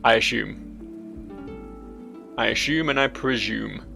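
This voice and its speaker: A man's voice: mid-range voice, takes it slowly, vocal fry, over music. A man giving casual let's play commentary with dry, musing asides. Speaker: gaming video host.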